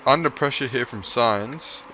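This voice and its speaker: A man's voice: mid-range voice, unhurried, sharp tone, a little hiss or hum. A man giving casual, joking commentary over a racing management game, cheering on his drivers. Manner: chatty, cheers on his drivers, jokey asides. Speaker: gaming YouTuber.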